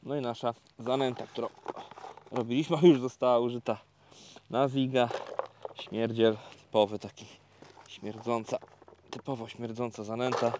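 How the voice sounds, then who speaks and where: A man talking casually to viewers in a fishing vlog, explaining each step in a relaxed, chatty way with many fillers, recorded outdoors by a lake. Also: medium pitch, background noise. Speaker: carp fishing vlogger.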